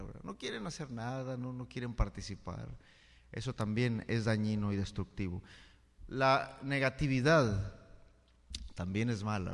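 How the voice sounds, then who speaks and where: A male pastor giving a conversational sermon, often checking in with the congregation through rhetorical questions. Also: mid-range voice. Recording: long hall reverb.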